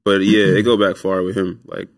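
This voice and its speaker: A young man, a music producer, telling stories in a relaxed, rambling interview full of fillers. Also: deep voice, moderate pace, gravelly, no room sound, studio quality. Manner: laid-back, rambling with many fillers. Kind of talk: casual storytelling interview.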